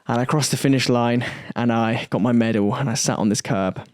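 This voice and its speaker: A young man hosting his own podcast, telling a story in an earnest, candid way, with emphatic pauses and now and then a curse. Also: medium pitch, a little mellow, no room sound, studio quality. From United Kingdom. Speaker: podcast host. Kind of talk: reflective solo podcast monologue.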